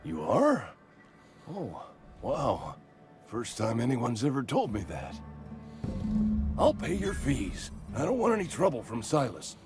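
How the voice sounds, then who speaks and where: Ailing, nervous worker, swooping pitch. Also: male voice, wildly swooping pitch, slow, pauses often, loud music behind the voice, heavily acted. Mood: apologetic, pleading. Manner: ailing, doom-laden, quaintly formal and folksy. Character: nervous, fatalistic company worker convinced he is dying. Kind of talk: video game character acting.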